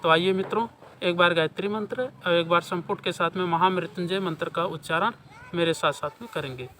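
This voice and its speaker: A man's voice: sits high, fairly quick, bright, forceful tone, slight background noise. A man from India giving a devotional sermon and addressing his listeners with emphatic, declaiming delivery. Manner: emphatic, declamatory delivery with long lists of reverent epithets. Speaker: spiritual speaker. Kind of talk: devotional sermon with mantra chanting.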